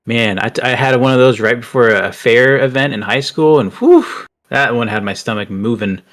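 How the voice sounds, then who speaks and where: A man's voice: medium pitch, fairly quick. Guy calling drift runs, chatty and hyped, kinda out of breath. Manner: excitable, chatty, laughs easily. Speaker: commentator. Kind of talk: esports drift commentary.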